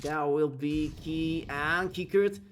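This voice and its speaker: There's slight background noise as this man, whose first language isn't English, delivers fast, excited play-by-play on an esports match. His pitch climbs during the action, and he talks with viewers between rounds.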